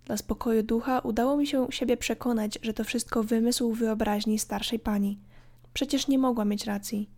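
A woman narrating a scripted horror story in a calm, measured way. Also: a little high. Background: faint background music.

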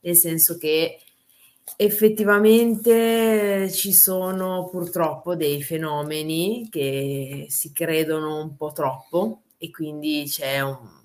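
Female, quite low register; frank, slangy interviewee in casual conversation. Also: fairly even intonation, takes it slowly, darkish tone. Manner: informal, blunt, slangy. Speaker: wrestler and guest.

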